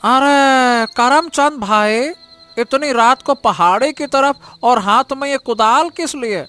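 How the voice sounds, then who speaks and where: A woman's voice: sits high, takes it slowly, a bit bright, soft background music. A woman doing a suspicious village man. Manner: questioning, suspicious.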